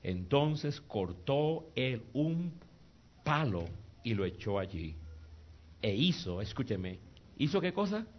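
Emphatic preacher with a lively voice. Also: male voice, mid-range voice, slow. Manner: emphatic, swings from shouting to soft, joking. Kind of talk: sermon. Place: church service with congregation. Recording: dull lo-fi sound with faint noise.

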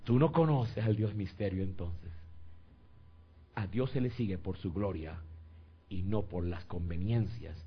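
A man preaching a sermon with personal testimony, shifting from calm talk to loud, high-pitched exclamations and pleading directly with his listeners. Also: measured pace, long pauses, slightly rough. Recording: slightly dull sound with faint background noise.

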